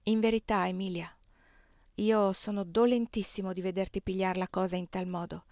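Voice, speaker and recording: Woman putting on a low, reluctant plantation owner. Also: a little fast, dry recording, studio quality, close to an everyday voice. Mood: resigned. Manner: low, subdued, reluctant delivery. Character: troubled middle-aged male plantation owner, evasive.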